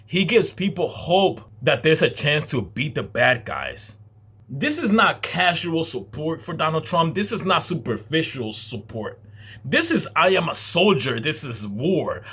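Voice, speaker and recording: A man's voice: fairly high pitch, big pitch swings, measured pace, bright, forceful tone, slightly rough. A man hosting a reaction video, giving profane commentary in an exasperated, incredulous tone and firing off rhetorical questions.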